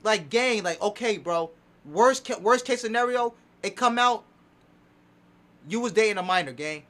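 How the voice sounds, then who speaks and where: A male streamer giving excitable reaction commentary, repeating himself emphatically, his voice going hoarse from shouting. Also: high voice, moderate pace.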